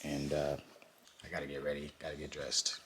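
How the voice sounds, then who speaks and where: A man's voice: extremely low pitch, monotone, moderate pace, heavy background noise. A man hosting his own vlog, chatting casually to the camera at his in-laws' house. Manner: laid-back, chatty, talks straight to camera. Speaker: vlogger host. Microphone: handheld vlog camera.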